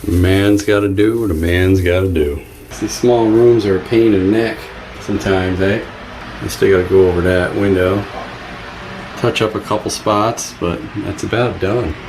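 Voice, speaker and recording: This deep-voiced man talks at a moderate pace with fairly even intonation and a slightly mellow quality. He gives folksy, offhand vlog commentary on home repairs in short bits, recorded on a handheld camera with noisy audio and a background hum.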